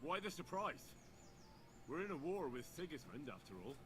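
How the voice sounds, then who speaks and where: An actor playing a plain-spoken, steady young adventurer in a medieval video game. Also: male voice, fairly high pitch, moderate pace, over music. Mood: matter-of-fact. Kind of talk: video game role-play dialogue.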